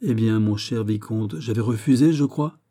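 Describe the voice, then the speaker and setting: A man's voice: on the low side, moderate pace, mellow, close to an everyday voice. A man reading aloud, voicing a stern middle-aged king with a commanding, raised voice.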